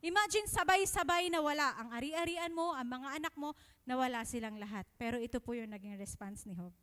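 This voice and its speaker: High-voiced Filipino woman preaching. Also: fairly quick. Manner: expressive, asks the crowd questions, switches between Tagalog and English. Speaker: youth service preacher. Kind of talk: sermon. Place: church hall. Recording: long reverb in a hall.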